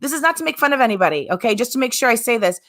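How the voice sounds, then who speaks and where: A woman co-host with a bright, forceful tone and a slightly high voice. Her casual chat is bubbly and full of exclamations. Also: sing-song, very fast, no echo, studio quality.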